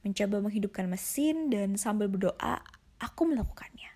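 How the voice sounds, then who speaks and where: Woman storyteller, scripted horror narration, hushed and half-whispered, mid-pitched. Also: animated, normal speed.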